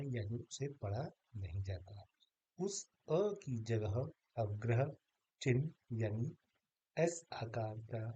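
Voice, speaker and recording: A man's voice: medium pitch, dark tone, lo-fi sound. A man teaching a grammar lesson, patiently stretching out sounds to demonstrate pronunciation.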